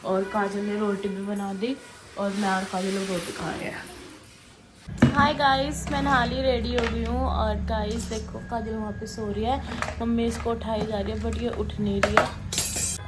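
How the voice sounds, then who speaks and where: A woman's voice: mid-range voice, very noisy. A woman hosting a casual home vlog, talking chattily to her viewers and laughing at her own slips. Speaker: vlogger host. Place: home, indoors.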